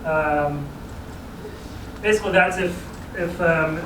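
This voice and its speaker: Slow-paced and a little high, a man from a regional planning agency gives a city council an easygoing, explanatory briefing, laughing at his own asides. A distant mic in an echoey chamber picks him up along with clear background noise.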